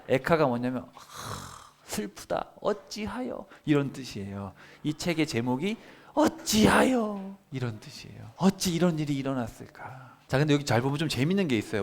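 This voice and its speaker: A male pastor giving a children's Bible sermon at a family service. He asks the congregation questions and acts out laments in quoted speech. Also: medium pitch.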